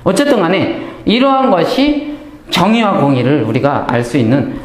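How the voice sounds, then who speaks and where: In an echoey room, a male Bible lecturer teaches a lesson at normal speed with a high, sweeping, animated voice. He poses questions to himself, answers them, and performs the quoted speech.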